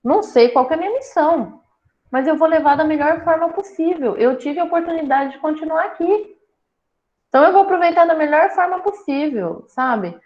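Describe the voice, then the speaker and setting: A woman telling her own cancer story in a casual talk, lively and joking as she acts out what people said. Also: high voice, fairly quick. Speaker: breast cancer patient sharing her story. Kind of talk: casual conversation. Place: small town in Brazil. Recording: dull lo-fi sound.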